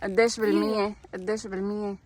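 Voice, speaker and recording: A grandmother with a mid-range, level voice talks fast as she joins a family vlog, chatting casually with her grandchildren. She teases them warmly and coaxes them along, often laughing. There's slight background noise.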